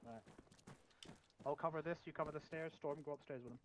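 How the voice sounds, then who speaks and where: A man leads his squad over gaming voice chat. He talks fast and informally, giving tactical directions, with clear noise on his mic. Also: on the high side. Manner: informal, swearing. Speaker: squad leader in an online military game.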